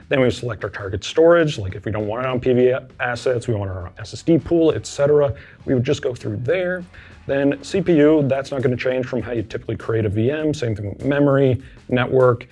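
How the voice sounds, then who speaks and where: A man presenting a homelab tutorial, talking casually through a screen-share walkthrough and thinking aloud, relaxed and self-deprecating as he clicks around. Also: medium pitch, vocal fry, husky.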